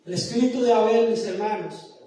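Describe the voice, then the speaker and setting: A man preaching a sermon as pastor, passionate, firing rhetorical questions and rising to shouts. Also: sits high, moderate pace, slight background noise. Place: church sanctuary. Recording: very echoey church from a distance.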